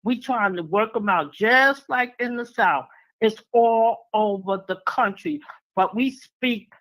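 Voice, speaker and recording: A woman's voice: mid-range voice, fairly bright tone, poor audio. A woman, calling in to a talk show and speaking earnestly, repeating points for emphasis. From New York City. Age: 70s. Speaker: caller. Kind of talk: call-in radio talk. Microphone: phone line.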